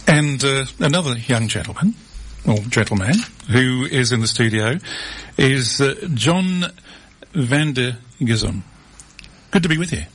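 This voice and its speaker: A man's voice: medium pitch, expressive, a little slow, fairly bright tone, slightly rough. A man hosting a community radio health program from a studio, talking with many fillers and restarts. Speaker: radio host. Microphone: studio mic.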